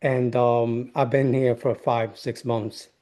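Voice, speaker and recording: A man from New York with a Dominican accent, a guest in an interview, speaking earnestly with halting restarts. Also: medium pitch, little pitch movement, dark tone. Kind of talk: interview conversation.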